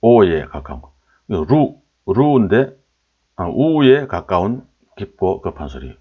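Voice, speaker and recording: A man with a very low voice lectures with a lively, swooping delivery. He sounds out sample syllables again and again and puts questions to his listeners. The recording is dull and lo-fi. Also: a little slow, breathy edge. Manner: repeats sample syllables aloud, asks rhetorical questions. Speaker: lecturer on old Korean pronunciation. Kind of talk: explanatory lecture.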